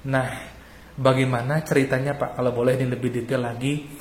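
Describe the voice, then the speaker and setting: A pastor hosts a podcast interview, asking gentle questions and murmuring steady affirmations while his guest talks. His voice sits in a middle pitch. The room is echoey, with faint ambient noise. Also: fairly quick. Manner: attentive, frequent murmured affirmations.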